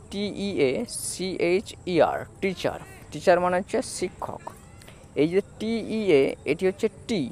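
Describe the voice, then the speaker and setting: Patient man teaching spelling slowly. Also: on the high side, a little mellow. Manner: patient, repeats each syllable. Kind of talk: slow spelling lesson.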